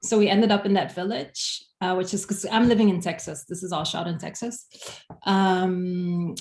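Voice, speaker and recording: Female filmmaker, lowish voice, casual storytelling, roomy sound. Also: steady tone, moderate pace, darkish tone. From Europe. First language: Dutch. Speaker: documentary filmmaker. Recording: echoey room.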